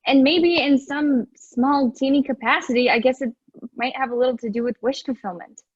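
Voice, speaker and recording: Wry, candid geek schoolgirl played by a woman, raspy edge, play reading, close dry muffled recording. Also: sits high, normal speed, no echo. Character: geeky, frank, wry teenage girl.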